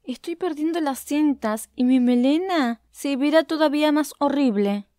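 A woman's voice: sits high, normal speed, mellow, dry recording, clean studio sound, voice pushed up, close to an everyday voice. A woman voicing a fretful, vain male lion who whines and pities himself, in a storybook reading. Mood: sobbing. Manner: whiny, self-pitying.

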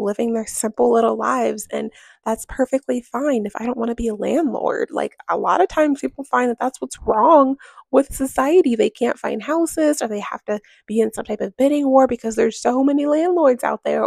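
A woman's voice: a little high, gravelly, darkish tone, no echo. A young woman in casual voice-over chat about her home and money, candid and emphatic, often firing off rhetorical questions. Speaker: home vlogger. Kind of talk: voice-over chat while cleaning.

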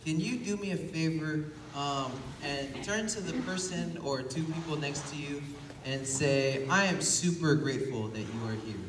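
Recorded on a phone from the pews, this echoey, distant clip catches a young man preaching informally in a small church hall full of congregants. His voice is a little high and hoarse from being sick, moving at a normal speed over a noisy crowd, relaxed and chatty yet swelling with emphasis.

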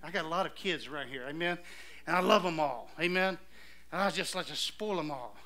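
A man's voice: fairly high pitch, animated, a little fast, sharp tone. A man preaching a storytelling sermon in a church, punctuating his points with calls of amen. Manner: storytelling, exclamatory, calls for amens. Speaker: pastor. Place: church sanctuary.

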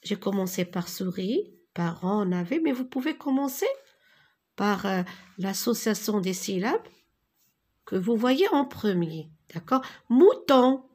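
A woman teaching a beginners' reading lesson, dictating slowly and repeating words syllable by syllable. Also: mid-range voice, expressive, a little mellow, breathy edge.

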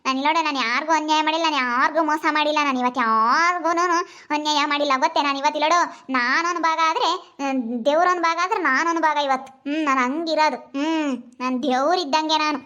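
A woman's voice: sits high, sharp tone. A woman playing a boastful village woman. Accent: Kannada, Karnataka village dialect. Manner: scolding, fast and emphatic. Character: boastful village woman proud of her rich uncle. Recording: slightly dull lo-fi recording.

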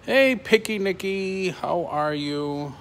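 In a large indoor antique mall booth with concrete floors, a middle-aged toy reseller livestreams casually, his high-pitched voice fairly bright. He talks haltingly as he reads and responds to comments. His phone is handheld at arm's length or closer, picking up clear ambient noise.

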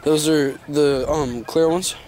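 A man's voice: fairly high pitch, fairly even intonation, slow, darkish tone, low-quality recording. A young man chatting crudely and jokingly while hiking outdoors by a lake, filmed on a handheld camera, a bit out of breath. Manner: crude, joking, swears a lot. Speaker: vlogger. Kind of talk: casual chat while hiking. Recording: outdoor camera audio with noise.

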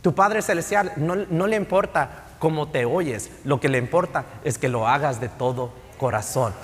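This middle-aged pastor has a fairly high-pitched voice and speaks at a normal speed as he preaches a sermon that switches between Spanish and English, often with tag questions. It was recorded in a church sanctuary with long hall reverb.

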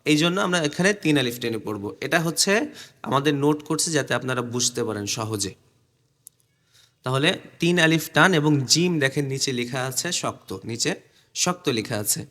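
A man's voice: medium pitch, lively intonation, pushed and bright. A man teaching Arabic letter pronunciation, drilling syllables over and over and explaining step by step where the tongue and lips go. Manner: drills syllables slowly, repeating them many times; explains step by step, asks the viewer to watch his tongue. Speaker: Quran recitation teacher. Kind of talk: pronunciation lesson.

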